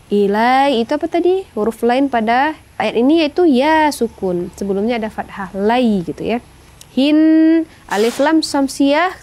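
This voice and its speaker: A woman teaching Quran recitation rules, explaining slowly and singing verses in long melodic phrases. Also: on the high side, darkish tone. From Indonesia. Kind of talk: tajwid lesson with sung recitation.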